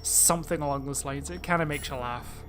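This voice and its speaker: A man gives loose, casual commentary as a gaming host. He rambles through chatty asides while he plays, with music clearly heard behind his voice. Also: a little high, a little fast. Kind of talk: casual let's play commentary. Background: game music.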